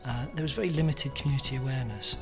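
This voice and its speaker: Man explaining research findings, soft music. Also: mid-range voice, very fast. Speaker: charity spokesperson. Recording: soft music bed behind the voice.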